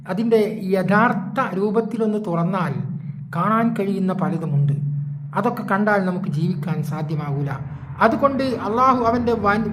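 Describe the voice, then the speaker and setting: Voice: mid-range voice, background noise. A preacher gives a religious sermon with a moral story. The speaker talks emphatically, repeats phrases and asks the listeners rhetorical questions. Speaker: Islamic preacher.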